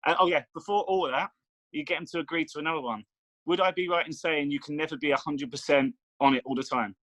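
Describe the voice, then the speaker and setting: A man's voice: a little high, fast, a bit bright, no echo, low-quality recording. Man explaining, dry close sound. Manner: explanatory, persuasive. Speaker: meditation coach. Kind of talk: casual chat.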